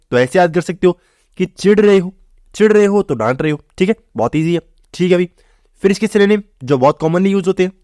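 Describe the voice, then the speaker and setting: A man's voice: high voice, a little mellow, dry recording, studio quality. A man teaching English vocabulary for exam prep in a chatty way, often saying the words are very easy. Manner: chatty, repeats "theek hai" and "bahut easy hai".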